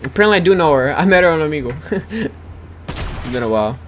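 A man's voice: on the high side, expressive, fast talker. A young man chatting casually with teammates while streaming a shooter game, teasing and laughing. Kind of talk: casual gaming banter. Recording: gameplay noise behind voice chat.

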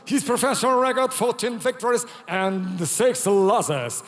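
An older man with a Russian accent, working as a ring announcer with brash promoter hype and drawn-out shouted names. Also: high voice, expressive, faint music behind. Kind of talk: bilingual Russian and English fight announcing. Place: fight cage in a large indoor arena. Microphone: handheld microphone. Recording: arena PA with long hall reverb.

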